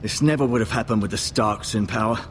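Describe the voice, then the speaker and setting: A man's voice: fairly low pitch, slight background noise, lightly acted. A man voicing a grave old castle maester. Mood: solemn. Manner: measured, solemn, advising. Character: grave older male castle maester, healer. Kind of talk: video game voice acting. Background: game music.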